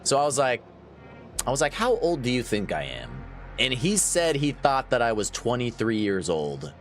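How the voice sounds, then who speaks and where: Faint music plays behind a thirty-something gaming streamer as he talks casually over live gameplay, laughing frequently and replying to his audience. He speaks at a moderate pace in a medium-pitched voice with huge pitch swings.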